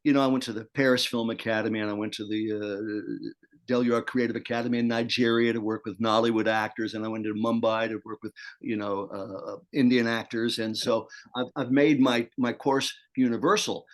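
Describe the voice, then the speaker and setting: A man's voice: lowish voice, flat delivery, brisk. An older man talking as an actor guest in a casual interview, chatty and meandering, with many restarts.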